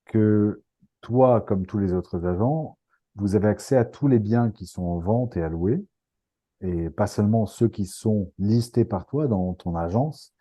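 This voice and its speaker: Dark, low-voiced male interviewer. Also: unhurried. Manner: hesitant, many fillers. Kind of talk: interview chat.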